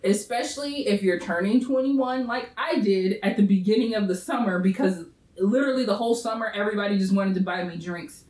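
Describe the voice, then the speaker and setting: A woman's voice: mid-range voice, a little fast, darkish tone, recorded from a distance. A woman in her thirties co-hosting a podcast, chatting casually and giving blunt, profane advice to listeners. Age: 30s. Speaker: podcast co-host. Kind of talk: casual chat. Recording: roomy echo.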